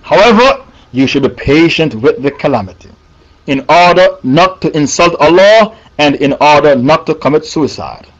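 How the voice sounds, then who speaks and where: A man's voice: on the high side, lively intonation, moderate pace, dull audio. A man preaching a sermon, emphatic and repeating his points for the listeners.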